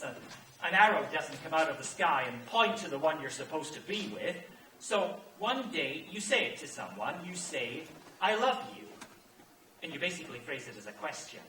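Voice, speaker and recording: A man's voice: high-pitched, bright, forceful tone. An actor playing a wistful male theater fan who chats and muses to the audience. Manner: chatty and confiding, musing aloud. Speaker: narrator of the musical. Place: theater stage. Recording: echoey stage from far off, light noise.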